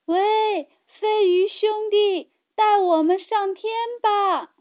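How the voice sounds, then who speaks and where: A woman's voice: very high voice, lively intonation, a little slow, voice pushed up. A woman voicing a little cat-fish creature, childlike and squealing, in a children's storybook. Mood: excited. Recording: tinny phone-like sound.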